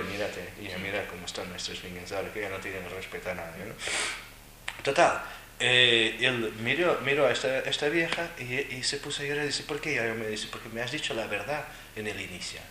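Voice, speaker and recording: Animated male Buddhist teacher, bright voice. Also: medium pitch, a little fast, a little hiss or hum. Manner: animated storyteller who keeps checking in with listeners. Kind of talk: dharma talk. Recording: roomy echo.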